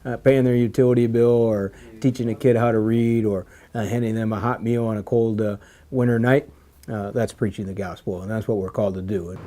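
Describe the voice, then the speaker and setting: A man's voice: fairly low pitch, fairly even intonation, fairly quick, warm tone. A man answering interview questions as a church charity captain.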